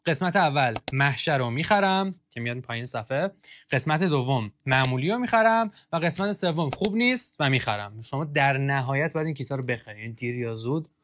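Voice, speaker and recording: A man's voice: medium pitch, expressive, fairly bright tone, a little hiss or hum. A young man hosting a casual football kit review, joking and sarcastic as he reads out comments.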